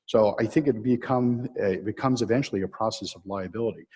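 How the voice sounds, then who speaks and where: A man with a lowish, slightly rough voice speaks fast as he gives a public talk on automation in a reverberant hall. He presents video clips to the audience, explaining steadily and filling pauses with frequent "uh"s.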